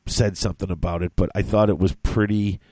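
A man hosting a podcast with a cold, congested and talking in halting, rambling chat. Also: sits low, steady tone, dark tone, no echo. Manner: rambling, halting, many restarts. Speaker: podcast host.

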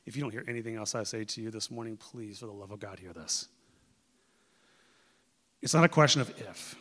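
A man preaching a sermon as pastor, conversational and earnest, swinging between loud emphasis and hushed pleas. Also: mid-range voice, in a large hall.

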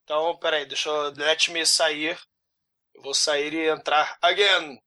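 A man's voice: fairly high pitch, fairly even intonation, unhurried, sharp tone. A man speaking casually as a remote podcast guest, his voice turned robotic and broken up by a bad call connection. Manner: stuttering, cut up by a breaking connection. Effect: glitchy robotic-sounding voice from a bad online call connection. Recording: distant, distorted online call audio.

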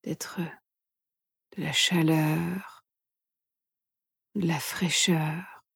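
A woman meditation instructor guides mindfulness practice in a soft, breathy, soothing near-whisper, leaving gentle pauses. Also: sits low, fairly even intonation, no room sound, clean studio sound. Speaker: meditation instructor and podcast host.

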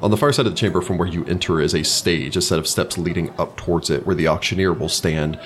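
A man runs a tabletop game as game master, describing each scene at an easy pace and often pausing on fillers. His voice is low and deep, with a faint hiss behind it. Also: steady tone.

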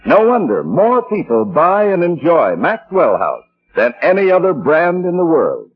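A man's voice: on the high side, huge pitch swings, a little slow, breathy edge. A man speaking as a 1940s old-time radio announcer, reading scripted sponsor copy with polished salesmanship. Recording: dull vintage radio broadcast with loud music.

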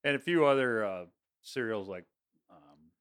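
A man's voice: mid-range voice, lively intonation, a little slow, a bit bright, clean tone. A man speaking as an interview guest about his work, rambling with frequent restarts and easy laughter. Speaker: guest, construction and plant project worker. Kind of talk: casual conversational interview.

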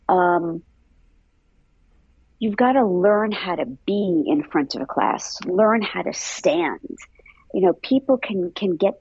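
Husky-voiced woman explaining teaching. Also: fairly low pitch, darkish tone, dry recording, highs cut off. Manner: thoughtful, repeats words, frequent "I feel" and "um". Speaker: dance instructor trainer, interview guest. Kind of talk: conversational interview answers.

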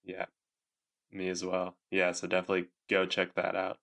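Brief: male podcast host, very low flat voice, hesitant and filler-heavy. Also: normal speed, gravelly. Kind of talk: casual podcast talk.

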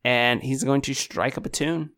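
A man's voice: medium pitch, fairly even intonation, normal speed, a bit bright. A man acting as game master, narrating casually and playfully, often hesitating as he improvises.

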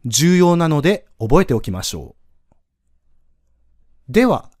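A male language teacher walks through a pronunciation lesson at an unhurried pace. His voice sits a little high and moves a lot in pitch as he explains step by step. The sound is close and dry, with no room echo. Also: big pitch swings, darkish tone. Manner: patient, slow step-by-step explaining with spoken demonstrations.

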